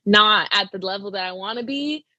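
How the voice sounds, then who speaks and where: A woman's voice: medium pitch, moderate pace, pushed and bright, no room sound, muffled recording. A young woman wrestler talking casually in an interview, with lots of "like" fillers. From Arizona. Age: young adult. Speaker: wrestler guest.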